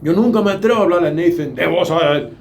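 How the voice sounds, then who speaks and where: A middle-aged man preaching a sermon, emphatic, acting out quoted voices and moving between soft and loud delivery. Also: a little high, fast, slight background noise.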